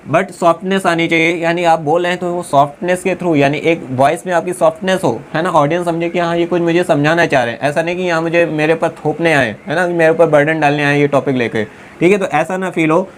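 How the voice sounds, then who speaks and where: A man teaches a class, dictating points word by word and checking in with "है ना" after nearly every phrase. His lecture mixes explanation with slow dictation. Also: a little high. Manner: dictates slowly word by word, asks "है ना" and "clear" often.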